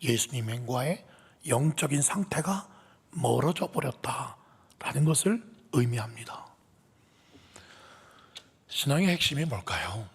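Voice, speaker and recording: A husky-voiced male pastor delivers a dramatic sermon, his pitch swinging widely as he slips from hushed whispers into raised, emphatic lines. The voice carries a long reverb from a large church sanctuary. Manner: dramatic, drops to whispers then rises for emphasis; asks the listeners many rhetorical questions.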